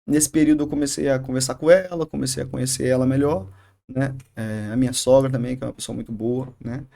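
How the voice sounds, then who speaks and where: Gravelly man telling a faith testimony. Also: mid-range voice, fairly even intonation, dark tone. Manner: halting, many restarts and "né?" tags. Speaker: podcast guest, barber and youth leader. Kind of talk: emotional testimony in casual interview.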